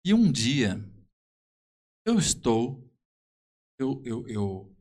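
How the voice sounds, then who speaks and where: A man with a southern Brazilian accent, a musician guest in a conversational interview, telling anecdotes in a halting, emphatic way. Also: mid-range voice, sing-song, darkish tone.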